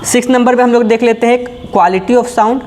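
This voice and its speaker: A very high-pitched yet darkish voice belongs to a physics teacher lecturing at normal speed with a steady tone, soft music in the background. In folksy fashion he raises questions, answers them himself using everyday examples, and often checks for understanding.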